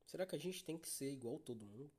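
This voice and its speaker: A young Brazilian man with a Brazilian Portuguese accent hosts a solo confessional podcast, sounding weary and downcast, swearing heavily and calling his listeners "guys." His fairly high voice is expressive, a little mellow and husky, and he talks fast.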